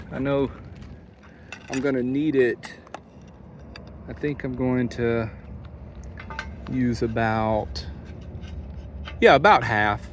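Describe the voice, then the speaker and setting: Man vlogging outdoors over wind and traffic noise. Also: mid-range voice. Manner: folksy, thinking aloud while working. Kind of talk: casual do-it-yourself vlog narration. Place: outdoors beside a van near a highway, windy. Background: wind and interstate traffic.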